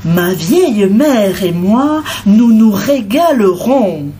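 A woman's voice: medium pitch, animated, slow, dark tone, a little hiss or hum. A woman doing a gloating sly fox.

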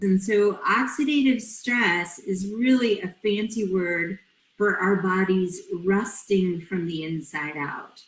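Slow-speaking woman doctor, echoey. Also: mid-range voice. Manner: slow, deliberate, plain explaining with everyday examples. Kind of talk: explanatory health talk. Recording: dull echoey room recording.

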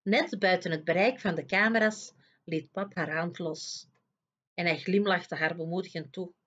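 Een vrouw die een kinderboek hardop en expressief voorleest. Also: female voice, on the low side, normal speed, dull audio. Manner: expressive, lively storytelling. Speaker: storyteller reading aloud. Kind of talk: reading a children's book aloud.

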